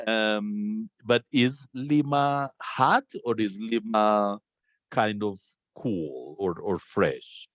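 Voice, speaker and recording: Low-voiced man hosting a talk. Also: very slow, a bit bright, no room sound. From Colombia. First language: Spanish. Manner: friendly, filler-heavy, asks questions. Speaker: host of a language conversation session. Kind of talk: moderating a video-call discussion.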